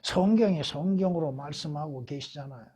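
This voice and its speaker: At a church Bible study, a male pastor with a slightly high, warm, husky voice speaks fairly quickly. He poses rhetorical questions to the congregation, answers them himself, and uses emphatic repetition.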